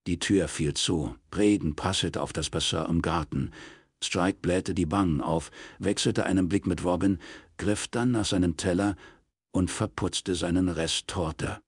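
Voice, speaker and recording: A man reading a crime novel aloud as scripted narration, in a steady storytelling manner. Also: low voice, a little slow, slightly rough, dry recording, clean studio sound. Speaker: audiobook reader.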